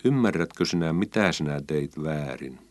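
A stern, serious father from a storybook, read by a male narrator, speaking deliberately in a low voice. The recording is dry and close. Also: expressive, no echo. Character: stern, serious father lecturing his son.

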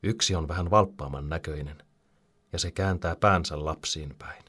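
Deep-voiced man reading a story. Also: a bit bright. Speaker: narrator.

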